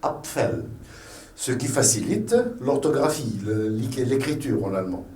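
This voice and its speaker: A man teaching a beginner language lesson, slowly repeating words to show their pronunciation. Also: medium pitch, mellow, echoey room, distant mic.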